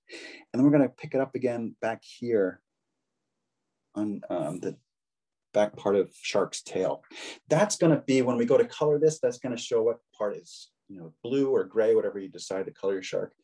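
A man's voice: mid-range voice, warm tone, husky. A man giving a casual, encouraging draw-along lesson, chatting with children as he draws. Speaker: drawing instructor.

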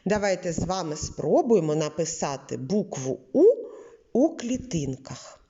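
A woman teaching a literacy lesson to preschoolers, from Ukraine, talking slowly and patiently and drawing out sounds and words. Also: on the low side, sing-song, mellow, breathy edge, dull audio.

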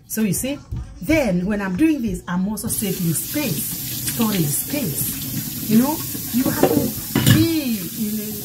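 A woman's voice: medium pitch, poor audio. A middle-aged woman, a pastor, talking through a cooking demonstration in her home kitchen, encouraging and often repeating phrases for emphasis. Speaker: pastor hosting a cooking show. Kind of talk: casual cooking demonstration with preaching.

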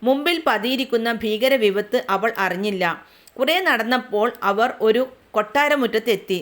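A woman storyteller narrating old myths in a measured, literary way. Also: on the high side. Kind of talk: scripted narration of mythic tales.

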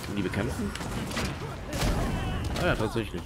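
A man's voice: lowish voice, sing-song, moderate pace, heavy background noise. German-speaking man, dry joking game commentary. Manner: dry, joking asides to viewers. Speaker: let's play host. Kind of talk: casual let's play commentary.

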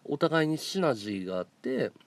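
A man's voice: medium pitch, big pitch swings, a little fast, no room sound. A man streaming a casual monologue, telling stories in a blunt and outspoken way. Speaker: live streamer.

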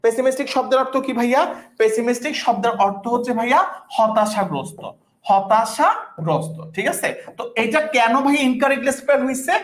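A woman's voice: on the high side, steady tone, quick pace. A woman teaching a vocabulary class, repeating each word and often checking that students understand. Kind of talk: online class lesson.

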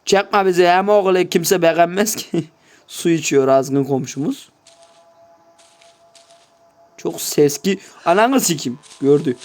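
A man's voice: fairly high pitch, fairly even intonation, takes it slowly, pauses often, a little mellow, faint music behind. A man giving casual gameplay commentary, swearing constantly and grumbling to his viewers in mock-offended asides. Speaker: gameplay YouTuber.

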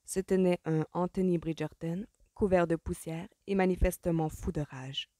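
A woman narrating an audiobook in a measured, expressive way. Her voice sits a little low and sounds mellow. The recording is dry and close to the mic. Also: dry recording. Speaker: audiobook reader. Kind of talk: scripted narration.

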